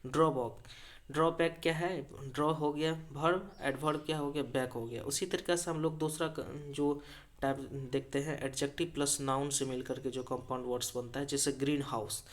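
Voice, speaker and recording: A man teaching grammar in a classroom lesson, drilling each point with repeated questions and answers, and reading English sentences slowly. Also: mid-range voice, fairly even intonation.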